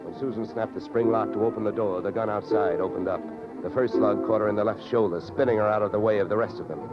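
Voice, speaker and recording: In a vintage radio recording with music behind him, an American man voices the lead and first-person narrator, a hardboiled, wisecracking freelance insurance investigator, in old radio detective drama style. His natural voice sits on the low side, quick-paced and steady in tone through dull audio. The narration is dry, clipped, sardonic and pushy.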